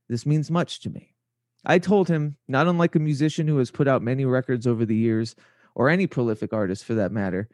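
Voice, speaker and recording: A man's voice: mid-range voice, darkish tone, dry recording. Theatrical man narrating, dry close sound. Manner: theatrical, florid and ornate delivery. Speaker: podcast host. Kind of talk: scripted podcast introduction narration.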